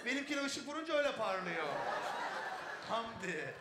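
A man's voice: extremely high pitch, big pitch swings, normal speed, very echoey, recorded from a distance, heavy background noise. A man voicing an effeminate, flamboyant man who complains fussily and sighs "ay" a lot, in a live stage set. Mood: whiny. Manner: camp, whiny complaining with frequent "ay". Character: effeminate flamboyant man, fussy and easily irritated.

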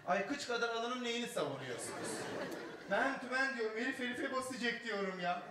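A man's voice: very high voice, expressive, brisk, heavy reverb, recorded from a distance, background noise. A man doing a fussy, camp, whiny man. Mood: indignant. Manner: camp, whiny complaining with frequent "ay". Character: effeminate flamboyant man, fussy and easily irritated.

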